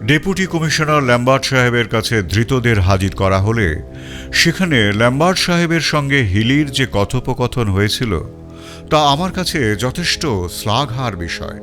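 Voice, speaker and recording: A male storyteller reads a first-person detective tale in a dramatic, expressive style, his pitch rising and falling animatedly through every sentence. His voice sits in a middle register, and he keeps a moderate pace. Faint music plays behind him.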